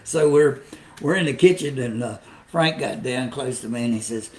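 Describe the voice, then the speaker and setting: A man's voice: mid-range voice, normal speed. An older man hosting his own podcast, telling a meandering, reflective story and chuckling at his own anecdotes. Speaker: podcast host and songwriter. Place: home room, livestream podcast. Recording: roomy echo, faint guitar behind.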